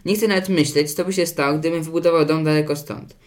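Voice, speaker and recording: A man voicing the sensible eldest pig brother in a storybook, speaking in a calm, reassuring way. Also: a little high, fast, lightly acted. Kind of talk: storybook reading.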